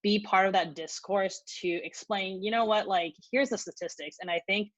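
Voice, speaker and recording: A woman's voice: mid-range voice, normal speed, no echo. A woman speaking thoughtfully in a video-call discussion, searching for her words. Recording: dry, slightly dull video-call audio.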